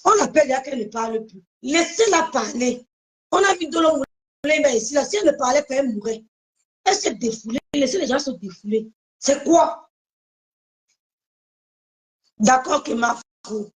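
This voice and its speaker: A woman's voice: sits high, lively intonation, moderate pace, long pauses, poor audio. A woman hosting a casual live stream, speaking emphatically to her viewers and often repeating her phrases.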